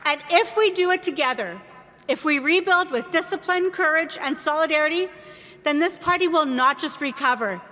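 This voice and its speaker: Bright, high woman rallying a hall. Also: slight background noise. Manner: emphatic, rallying, slows for key phrases. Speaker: party speaker at a convention. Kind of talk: rousing rally speech. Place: large convention hall. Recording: long reverb of a large hall.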